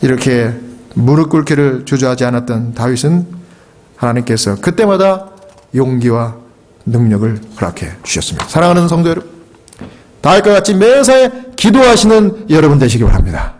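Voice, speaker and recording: A man's voice: medium pitch, very animated, moderate pace, darkish tone. A middle-aged man, a pastor, preaching a sermon in a church, emphatic and acting out fervent prayers. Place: church sanctuary.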